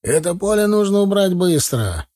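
A man voices an irate collective-farm agronomist in a storybook, his voice pushed high and husky. He barks orders and scolds the workers, bossy and impatient. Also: expressive, measured pace, exaggerated voice. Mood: angry scolding. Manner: scolding, shouting.

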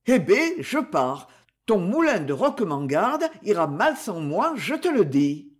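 A reader playing a timid old farmhand in a storybook, meek and pleading, words drawn out slowly. The voice is husky and moves widely in pitch. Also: very animated.

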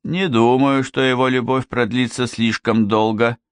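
Man playing a sneering, sharp-tongued gentleman. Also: mid-range voice, level tone, a little slow, clear, resonant tone, dry recording, clean studio sound, voice pushed up, natural voice. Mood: mocking. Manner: sneering, ironic.

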